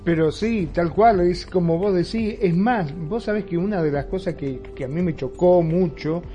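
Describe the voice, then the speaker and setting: A man's voice: sits high, moderate pace, dull audio, faint music behind. A man with a Rioplatense accent, a guest telling a personal story in a chatty way full of fillers. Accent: Rioplatense Spanish. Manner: chatty, many fillers, animated when recounting.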